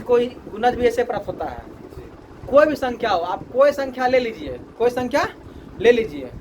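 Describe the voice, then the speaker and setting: A man's voice: extremely high pitch, background noise. A man teaching a maths class, repeating his questions to the students and drilling the answers.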